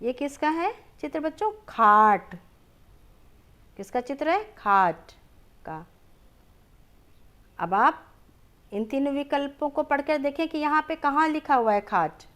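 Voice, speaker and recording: A woman teaching young children, reading words aloud slowly and drawn out, asking questions and then answering them herself. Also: sits high, sing-song. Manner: slow and drawn-out, stretches each word.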